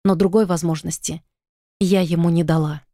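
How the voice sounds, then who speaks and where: A woman giving steady first-person audiobook narration. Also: lowish voice, normal speed, no echo, clean studio sound.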